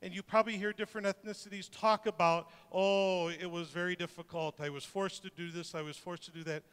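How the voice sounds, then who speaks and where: A man's voice: high voice, steady tone, a little fast, a bit bright, clean tone. Joking man in a reverberant hall. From Detroit, USA. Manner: joking, conversational, with many restarts. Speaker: speaker presenting to an audience. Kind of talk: informal presentation talk.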